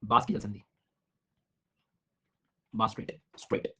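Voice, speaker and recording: A man's voice: on the low side, level tone, unhurried, sharp tone, breathy edge. A middle-aged male teacher giving an online exam-prep lecture, teasing his students with jokes while drilling names over and over. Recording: dull lo-fi online class audio.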